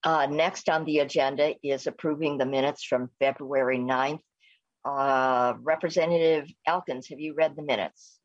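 An American woman chairing a remote meeting, speaking formally and procedurally with a halting, hesitant delivery. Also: deep voice, steady tone, no room sound. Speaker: committee chair. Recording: muffled lo-fi remote meeting audio.

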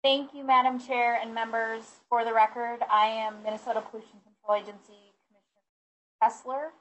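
A woman with a fairly high voice reads prepared testimony in a measured, formal way. Her remote call audio is dull and lo-fi, crackling and cutting in and out like a loose cable. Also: little pitch movement, a bit bright. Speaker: state agency commissioner testifying. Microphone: remote video call.

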